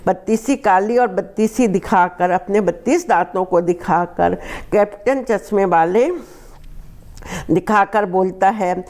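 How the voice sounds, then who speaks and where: A woman's voice: mid-range voice, darkish tone. A woman teacher reading a Hindi text aloud and going over each line again in simpler words for her class. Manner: reads a line, then rephrases it slowly in simple words. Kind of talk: reading and explaining a Hindi lesson.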